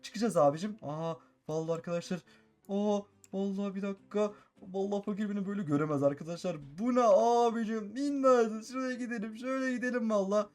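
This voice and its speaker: A man playing a Minecraft role-play and commenting excitedly, repeating his phrases and constantly addressing viewers. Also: high voice, quick pace. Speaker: gaming YouTuber.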